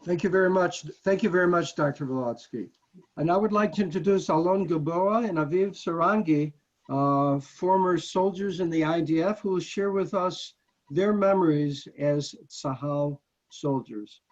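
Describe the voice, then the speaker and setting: Host guy, polite intro, slightly high voice, muffled far-off audio. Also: normal speed. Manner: polite and formal. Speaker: event host. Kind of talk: introducing speakers.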